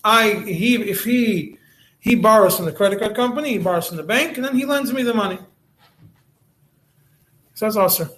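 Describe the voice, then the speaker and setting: High-voiced rabbi teaching a halacha class. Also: male voice, normal speed, pauses often, a bit bright, poor audio. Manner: explains step by step, with many restarts and Hebrew and Yiddish terms. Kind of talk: recorded Torah lesson.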